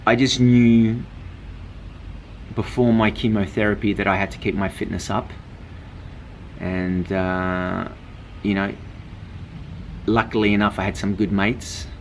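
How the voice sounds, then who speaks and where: A man's voice: fairly low pitch, steady tone, unhurried, long pauses. Blunt Australian man telling his story. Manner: frank, blunt, swears casually. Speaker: vlogger. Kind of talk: casual storytelling. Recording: noisy with vehicle hum behind.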